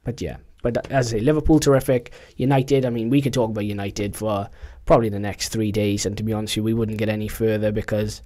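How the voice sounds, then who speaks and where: A man's voice: fairly low pitch, quick pace, hardly any pauses. Chatty young man talking football. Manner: chatty, animated, slangy. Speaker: podcast co-host. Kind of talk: casual football chat.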